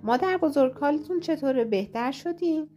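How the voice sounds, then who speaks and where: Innocent little girl in red, high bouncy voice, a woman putting her on for a storybook. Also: expressive, faint music behind. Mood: sweet. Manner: high, bright and eager. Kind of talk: storybook read-aloud.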